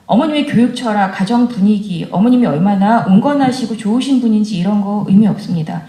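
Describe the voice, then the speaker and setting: A woman's voice: mid-range voice, fast, dark tone. A woman in her forties giving a candid, conversational talk to mothers and asking them questions. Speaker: education speaker addressing mothers. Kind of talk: lecture to parents. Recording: roomy echo of a lecture hall.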